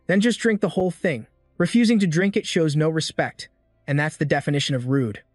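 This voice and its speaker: A boastful, hot-tempered senior student, voiced by a man in a comic story recap. He blusters and taunts in a slightly high voice. The sound is dry and close, with faint music under it. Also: a little fast, no room sound, close to an everyday voice. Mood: angry.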